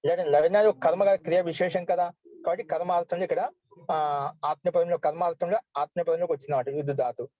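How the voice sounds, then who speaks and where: A man teaching Sanskrit grammar, slowly reciting verb forms one by one. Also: high-pitched, fairly even intonation, mellow, dry recording, low-quality recording. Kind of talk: online class lesson.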